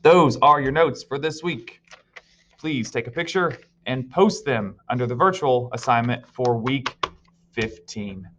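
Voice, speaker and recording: A man's voice: medium pitch, measured pace, a bit bright, slight background noise. Man teaching a recorded science lesson. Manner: explains step by step, tells students what to write. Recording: slightly dull lo-fi audio.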